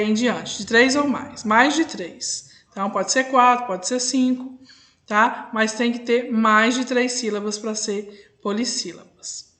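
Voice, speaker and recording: Higher-voiced lady teacher going slow and patient, lots of tá? checks, echoey room. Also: a bit bright. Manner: patient, drawn-out syllables, frequent "tá?" checks. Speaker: schoolteacher. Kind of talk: online class lesson.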